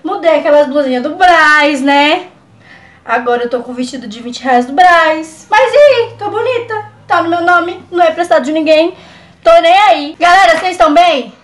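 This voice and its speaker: A Brazilian woman with a Brazilian Portuguese accent reacting on camera, jumpy and excitable, scared and trembling, swearing and laughing as she talks. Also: high-pitched, moderate pace, reverberant. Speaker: YouTuber. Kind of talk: reaction video chat.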